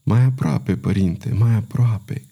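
A man voicing a feeble, dying old queen in an audiobook, speaking slowly in a wheezing, barely audible rasp. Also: on the low side, dark tone. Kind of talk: audiobook character reading.

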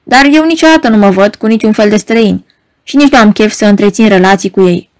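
A woman's voice: medium pitch, a little mellow, close to an everyday voice. A woman reading an audiobook, voicing a proud, troubled married woman who speaks in an urgent, pleading, agitated way. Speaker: audiobook reader. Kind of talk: audiobook narration.

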